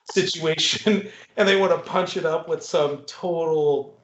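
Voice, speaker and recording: A man's voice: on the high side, fairly even intonation, a little slow, a little hiss or hum. A man hosting a podcast in casual movie talk, rambling and restarting, often laughing. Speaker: podcast host. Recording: roomy, dull recording.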